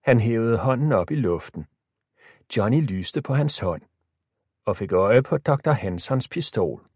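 A male audiobook narrator with a middle pitch and a lively, animated delivery. His storytelling is expressive, recorded dry and close. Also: husky, no echo.

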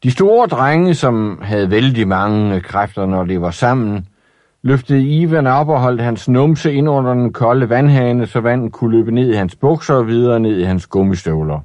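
A man reading a children's story aloud in an expressive, lively way. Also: mid-range voice, no echo.

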